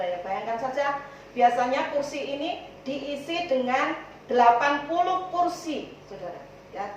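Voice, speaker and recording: A high-pitched woman pastor with an East Javanese accent, talking chattily to her congregation and slipping into little acted-out conversations. She is heard from a distance in a strongly echoing church hall, the sound a bit dull, with faint room ambience behind her. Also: a little hiss or hum. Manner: chatty, addresses listeners as "saudara" constantly, acts out dialogues. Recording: echoey church hall from far off.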